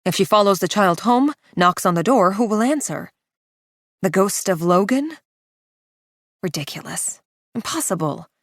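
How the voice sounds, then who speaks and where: A woman narrating a psychological thriller audiobook in a tense, hushed delivery. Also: medium pitch, expressive, a little slow, pauses often, dry recording, studio quality. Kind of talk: scripted narration.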